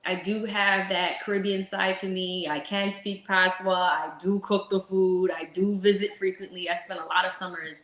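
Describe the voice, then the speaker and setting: A woman in her thirties from South Florida, chatting as an interview guest in a lively way, laughing often and restarting her sentences. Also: fairly low pitch, moderate pace, few pauses. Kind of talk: casual interview chat. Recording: echoey lo-fi room.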